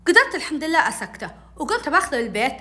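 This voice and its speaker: A woman telling a childhood story in casual storytelling, animated and acting out each voice. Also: sits high, very fast. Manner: animated, acts out every voice.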